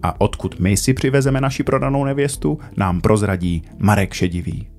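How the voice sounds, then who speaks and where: A man presenting a culture news report as measured, formal scripted narration. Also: fairly low pitch, animated, a little mellow, soft background music.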